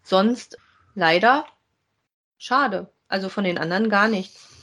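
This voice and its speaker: Chatting casually while reviewing audio plays on a podcast, a female co-host offers short, plain comments. She speaks slowly in a mid-range, slightly bright voice.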